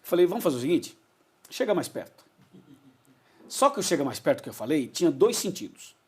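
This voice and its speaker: Husky pastor telling stories. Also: male voice, on the high side, big pitch swings, fairly quick. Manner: emotional anecdotes, acts out what people said. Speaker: pastor and TV preacher, interview guest. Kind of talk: storytelling in a TV interview.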